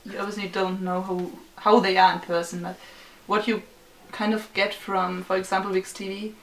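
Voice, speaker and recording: A woman's voice: mid-range voice, little pitch movement, moderate pace, fairly bright tone. A young woman, chatting enthusiastically as a vlog co-host about a concert she attended. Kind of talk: casual chat reviewing a concert. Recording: roomy, distant mic, faint noise.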